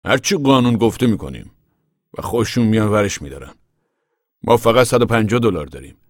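A man reading aloud gives voice to a proud, weary farm father of middle age, speaking with earnest dignity in a raised voice. The tone sits fairly low, and the recording is dry and close, with no room sound. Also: animated, dry recording. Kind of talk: audiobook character voice.

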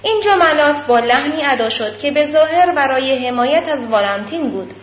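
A woman narrating an audiobook in a measured, formal reading. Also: sits high, lively intonation. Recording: slightly muffled lo-fi recording.

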